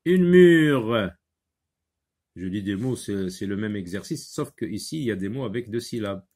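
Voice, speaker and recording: A man's voice: lowish voice, a little mellow. A man teaching a French phonics lesson, carefully sounding out words and syllables and switching to to explain. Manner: slow, careful, repeats words and syllables aloud.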